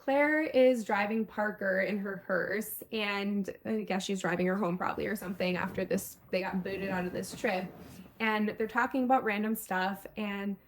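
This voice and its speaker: A woman's voice: mid-range voice, fairly even intonation, normal speed. A woman co-hosting a podcast, casually recapping a TV episode and acting out the characters' lines. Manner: recounts scenes, acts out quotes, swears casually. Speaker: podcast co-host.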